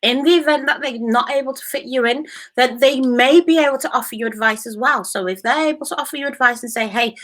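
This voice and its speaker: A woman's voice: high voice, fast, few pauses, fairly bright tone. Reassuring British woman giving hair tips. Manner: reassuring, repetitive, uses fillers like "you know". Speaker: hair salon presenter. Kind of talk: casual how-to tutorial.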